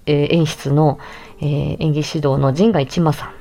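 A woman voice actor presents her own work in a casual solo talk, her voice low, mellow, dark and relaxed, with vocal fry. At normal speed, she speaks politely and reflectively, as though chatting with listeners.

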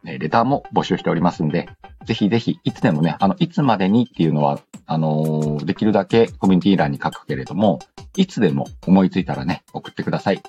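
Over background music on a dull, lo-fi track, a man with a deep, dark voice talks fast and animatedly. He hosts a relaxed radio-style show, chatting and reading listener letters in a slangy, playful manner full of self-interrupting asides.

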